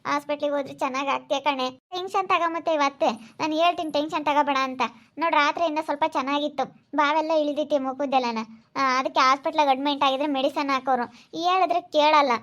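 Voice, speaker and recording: A woman's voice: high voice, fairly even intonation, fast, fairly bright tone. A woman voicing a bossy but caring older female relative who keeps repeating firm orders, with a rural Chitradurga Kannada accent. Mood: soothing. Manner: firm, insistent, repeats commands.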